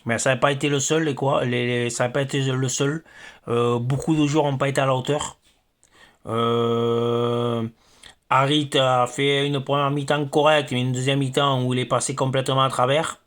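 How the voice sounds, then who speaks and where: A man's voice: medium pitch, little pitch movement, normal speed, a bit bright. A man hosting his football fan channel, ranting after a match, hesitant with many fillers and stammers. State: angry. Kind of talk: angry post-match rant.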